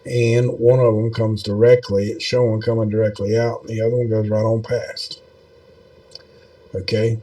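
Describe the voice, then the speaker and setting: A man's voice: lowish voice, little pitch movement, moderate pace, mellow. A man giving casual, rambling video commentary in a folksy, meandering way, with many fillers. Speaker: video host.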